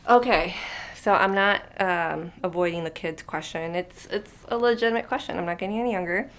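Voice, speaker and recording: Chatting casually to camera without a script, this thirtysomething vlogger rambles and thinks out loud, heavy on fillers and occasionally fading to almost a whisper. She speaks fairly quickly in a lowish, slightly bright voice.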